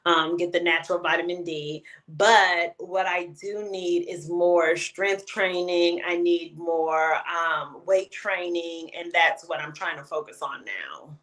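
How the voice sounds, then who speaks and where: A woman's voice: on the low side, a bit bright. A woman in her late forties, a guest chatting casually and reflectively in an interview, with light laughs. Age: 40s. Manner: unhurried, reflective, with frequent restarts and light laughs.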